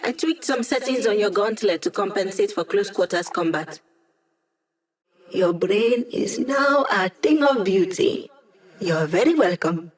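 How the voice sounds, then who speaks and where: A woman acts out a young female hacker guiding her squad through a video game. Her medium-pitched voice is self-assured and a little cocky. She delivers technical updates briskly, with casual, wry playfulness. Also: lively intonation, lightly acted. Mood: teasing. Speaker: mission support operator in a video game. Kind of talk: scripted video game voice acting.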